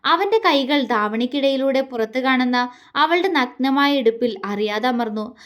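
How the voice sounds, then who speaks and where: A woman tells a romance story in a soft, steady narrating voice. Her pitch sits a little above the usual for a woman. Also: unhurried.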